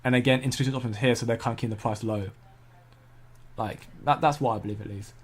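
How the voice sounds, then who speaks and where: A man with a medium-pitched, steady voice talks fast while hosting a casual crypto livestream. He answers viewer comments in a chatty way, correcting himself as he goes and laughing easily at the chat.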